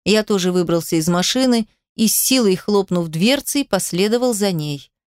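A woman narrates an audiobook in an even, measured first-person reading. Her voice sits at a medium pitch, recorded dry and close with no room sound. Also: dry recording.

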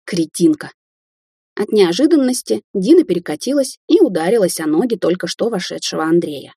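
A woman narrating an audiobook in a measured, expressive way, recorded close and dry. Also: mid-range voice, husky, no room sound. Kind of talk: scripted narration.

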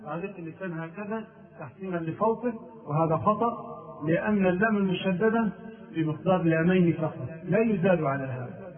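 High-voiced man giving a religious lesson, tinny. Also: fairly quick, distant mic. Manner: lists errors methodically, chants call-to-prayer phrases as examples. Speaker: Islamic scholar.

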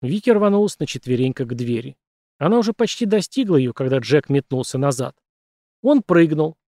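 A man's voice: mid-range voice, darkish tone, dry recording, clean studio sound. Man narrating a tense audiobook. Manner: tense, dramatic storytelling.

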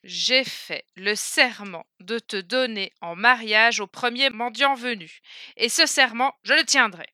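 A woman's voice: mid-range voice, unhurried, bright, forceful tone, clear, resonant tone, no room sound, studio quality. A woman voicing a proud, stubborn king who speaks in a solemn, insistent way.

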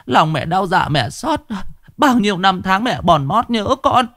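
A man's voice: high-pitched, expressive, measured pace, a bit bright, no room sound, studio quality, voice pushed up, exaggerated voice. A man voicing an older woman who grieves for her dead son in a tearful, wailing lament.

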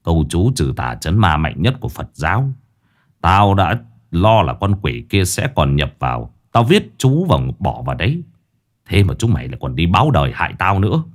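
A man voicing a gruff, curt older male exorcist cook who scolds his helpers. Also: sits low, wildly swooping pitch, moderate pace, heavily acted. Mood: gruff scolding.

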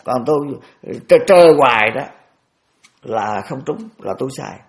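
A man's voice: medium pitch, animated, slow. A man in his eighties, a Buddhist monk giving a dharma talk, repeating phrases and restarting often with homely examples. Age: 80s.

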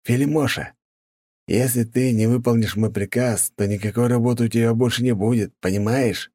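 A man's voice: medium pitch, drawn-out words, no echo, clean studio sound, pitched above the performer's own voice. A man voicing a cruel, spoiled young male viscount who taunts a servant in a sneering, sadistic manner. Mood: sneering menace.

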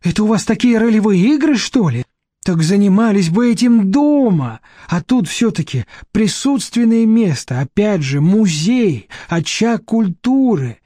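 A man playing a brisk sardonic woman. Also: high-pitched, animated, dark tone, dry recording, studio quality, voice pushed up. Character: brisk, sharp-tongued middle-aged woman.

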